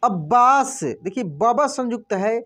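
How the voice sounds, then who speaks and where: A man teaching a reading lesson, who spells words out slowly, says each one twice and keeps asking the listener what is written. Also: very high voice, animated, a bit bright. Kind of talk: classroom-style reading lesson.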